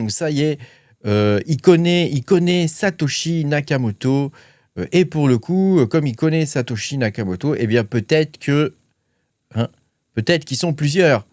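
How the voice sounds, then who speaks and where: A man's voice: medium pitch, a little mellow, no echo, studio quality. A man hosting a crypto channel, talking casually with lots of fillers and hesitations while reading his notes. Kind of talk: casual commentary to camera.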